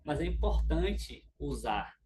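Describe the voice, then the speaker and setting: A middle-aged man with a Brazilian Portuguese accent, lecturing an audience in a lively, informal way and acting out little scenes. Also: on the high side, slow pace. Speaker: speaker at a relationship talk.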